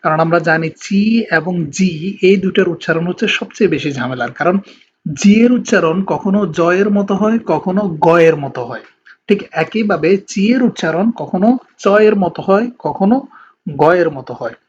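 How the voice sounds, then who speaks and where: A man from Bangladesh with a Bangladeshi Bengali accent, teaching an online language lesson in a patient, explanatory way and slowing down to spell out words. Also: high voice. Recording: slightly dull lo-fi recording with faint background noise.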